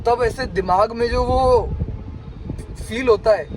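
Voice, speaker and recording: A man's voice: very high voice, takes it slowly, background noise. A man in his twenties from India talking casually and reflectively to his camera, slipping English words into his speech. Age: 20s. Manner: musing, conversational, mixes in English words. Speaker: vlogger.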